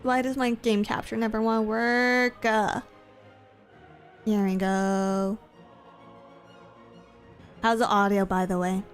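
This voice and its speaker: A woman's voice: medium pitch, flat delivery, takes it slowly, pauses often, clear, resonant tone, faint music behind. A woman livestreaming in a casual, chatty way, rambling along and often repeating her phrases as she talks to viewers. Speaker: streamer and VTuber content creator. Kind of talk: casual livestream chat while gaming.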